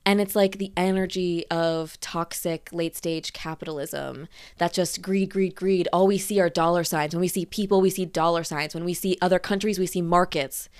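A woman's voice: fairly low pitch, fairly even intonation, normal speed, hardly any pauses, clean tone. A young woman ranting in a rambling, frustrated way, laughing between points and a little out of breath. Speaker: freelancer venting on camera. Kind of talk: casual monologue rant.

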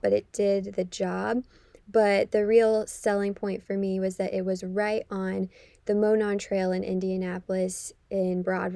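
A woman's voice: medium pitch, creaky, dark tone, no room sound. A young American woman from the Midwest hosting a casual solo podcast, her voice muffled from recording inside a closet. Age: young adult. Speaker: podcast host and counselor. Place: dark closet at home.

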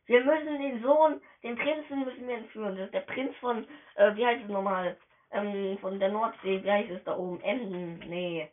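Woman, let's-play commentary, excitable, slangy, stumbling, mid pitch, phone-like sound. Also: normal speed. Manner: excitable, chatty, slangy, often stumbles over words. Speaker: gamer narrating her play. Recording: tinny phone-quality voice message.

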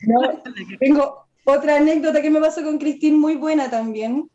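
High-voiced Chilean woman telling anecdotes. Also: normal speed. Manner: animated, laughing while telling anecdotes. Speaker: nail artist and tattooist. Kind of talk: casual storytelling. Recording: muffled lo-fi audio.

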